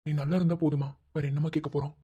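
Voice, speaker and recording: A man voicing a gentle, fatherly hospital chief in an animated cartoon, speaking softly and affectionately. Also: fairly high pitch, racing, slightly rough, highs cut off.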